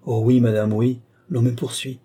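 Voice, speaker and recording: A man's voice: fairly low pitch, normal speed, dark tone, breathy edge. A man reading the part of a frightened young Roman noblewoman in an audiobook, in a pleading voice. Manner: pleading, fearful.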